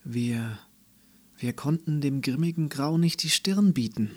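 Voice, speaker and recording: A man voicing a grumpy male non-unicorn in a storybook, speaking quietly, haltingly and unsure of himself. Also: a little high. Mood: sheepish, hesitant. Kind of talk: storybook reading.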